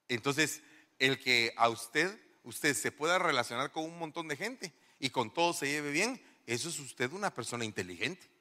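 A middle-aged male pastor giving an animated sermon in a church, firing rhetorical questions at the congregation. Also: mid-range voice. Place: church hall. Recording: long church reverb.

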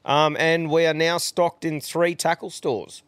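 Male podcast host, broad Aussie accent, slangy and easygoing, smooth clear voice recorded close and dry. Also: on the high side, fairly even intonation, a little slow, a bit bright, dry recording. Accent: broad Australian. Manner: laid-back, slangy, sweary mateship talk. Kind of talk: casual chat with updates.

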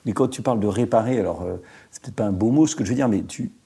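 A man's voice: on the low side, very fast, vocal fry, a loud crowd. A man hosting a podcast interview, asking conversational questions and laughing easily. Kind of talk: casual interview.

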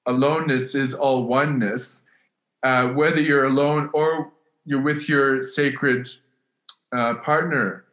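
A man hosts a spiritual talk show in an unhurried, measured voice. He speaks reflectively, leaning on words now and then for gentle emphasis. His pitch sits in the middle range for a man. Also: steady tone. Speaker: podcast host. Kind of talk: spiritual conversation.

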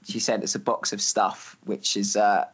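A man's voice: fairly low pitch, level tone, normal speed, husky, highs cut off. A man hosting a casual interview, asking friendly questions. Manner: friendly, asks leading questions. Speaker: podcast host.

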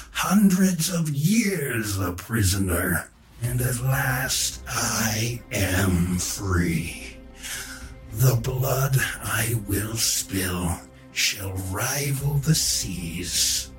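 A man voicing an ancient, ravenous demon freed from its prison, speaking slowly with drawn-out menace. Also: medium pitch. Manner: slow, drawn-out menacing delivery. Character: ancient ravenous male demon, gloating and cruel. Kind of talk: audiobook character voice.

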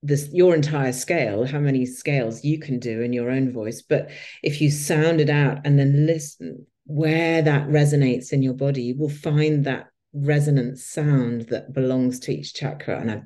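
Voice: medium pitch, fairly even intonation, moderate pace, warm tone. An interview host, chatting enthusiastically, riffing on the guest's ideas and giving frequent agreeing hums. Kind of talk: conversational interviewing.

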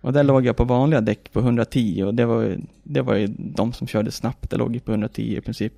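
A man's voice: medium pitch, creaky, no echo, clean studio sound. A man in casual chat, telling his racing story animatedly, acting out his own reactions and swearing freely. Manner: animated, acts out his own past reactions with shouts and laughter; swears freely, says "liksom" and "jag bara" often. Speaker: racing driver guest.

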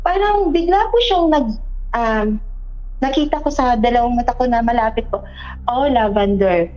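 A woman tells a personal story in a casual chat, polite and animated as she acts out the dialogue. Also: high voice, moderate pace. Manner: animated, polite, acts out quoted dialogue, mixes Tagalog and English. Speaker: storyteller guest. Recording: dull lo-fi podcast audio.

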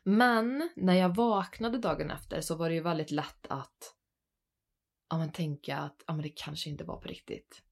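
A Swedish woman in her thirties, co-hosting a podcast and telling a spooky personal story in an animated, chatty way. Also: deep voice, gravelly. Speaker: podcast co-host. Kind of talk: casual storytelling chat.

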